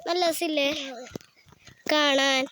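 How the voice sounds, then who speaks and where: With slight background noise, a young mother who vlogs talks casually to her viewers while walking outdoors by the road near her house in the wind, filming on a handheld phone. Her high, fairly bright voice stays fairly even and unhurried as she addresses them as "guys" and asks them to subscribe.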